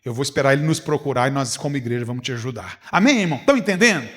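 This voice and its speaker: A man's voice: medium pitch, lively intonation, rapid-fire, fairly bright tone, long reverb tail. A man preaching a conversational sermon with a Goiás Brazilian Portuguese accent, acting out little dialogues and asking his listeners rhetorical questions. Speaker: pastor. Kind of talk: sermon at a leaders' retreat. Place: church hall.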